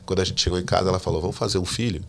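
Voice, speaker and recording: A man telling his personal faith testimony as a podcast guest, a lively storyteller who acts out the dialogue he quotes. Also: low-pitched, very fast, gravelly, slight background noise. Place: living in the United States.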